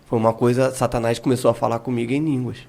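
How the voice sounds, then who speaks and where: Speaking fast in a flat, dark, creaky mid-range voice, this man is an evangelist appearing on a podcast. He tells his testimony vividly, performing the remembered conversations as he goes.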